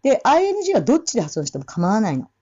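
Woman teaching english pronunciation in japanese, bouncy pitch, mellow voice, kinda dull sound. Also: huge pitch swings. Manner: explains in Japanese, breaks off to sing and repeat English phrases slowly.

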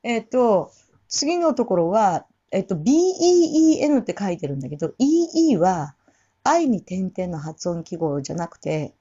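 A woman casually teaching English pronunciation for a song in Japanese, repeating and singing short English phrases slowly to demonstrate. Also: mid-range voice, very animated, mellow, slightly rough, lo-fi sound.

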